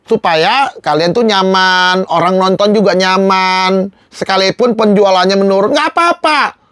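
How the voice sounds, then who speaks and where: A man's voice: high voice, normal speed, fairly bright tone, smooth, no echo, clean studio sound. A young man coaching viewers through tutorial slides in a casual, emphatic way. He asks rhetorical questions and keeps repeating his reminders. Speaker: live-selling coach. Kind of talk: slide-based tutorial talk.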